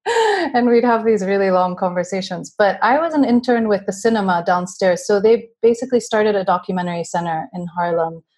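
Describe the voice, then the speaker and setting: A documentary filmmaker from California, a woman in her thirties, answers interview questions over remote call audio. Her mid-range voice runs a little fast, and she's relaxed and chatty, with light laughs.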